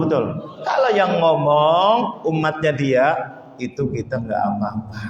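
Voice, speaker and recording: Casting: high-pitched Indonesian male preacher, lively, quizzing his listeners, dull echoey hall recording. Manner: animated, questions the audience, wide pitch swings. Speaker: Islamic preacher. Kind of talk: religious study lecture. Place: mosque hall.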